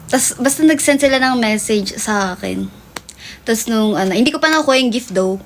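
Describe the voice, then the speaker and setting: A woman's voice: a little high, moderate pace, a little hiss or hum. A young woman hosting a livestream, telling a long story in casual chat that switches between Tagalog and English and is full of fillers. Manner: rambling Taglish storytelling with many fillers. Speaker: livestream host.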